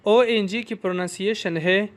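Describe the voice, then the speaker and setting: A young man teaching a language lesson, slowly and patiently repeating each syllable several times for students to echo. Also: high voice. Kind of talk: pronunciation drill lesson.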